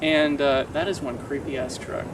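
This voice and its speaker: A man's voice: on the high side, fairly even intonation, a little slow. A young American man casually telling an anecdote, swearing freely and animatedly acting out quoted dialogue. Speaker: vlogger telling a story. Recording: distant mic, clear outdoor traffic noise.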